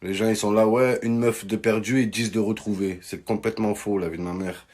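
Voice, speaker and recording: A man's voice: lowish voice, steady tone, brisk, a little mellow. A young man telling jokes in casual street slang, talking straight to his phone camera. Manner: joking, slangy street French. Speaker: comedian vlogger. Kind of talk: casual comic monologue.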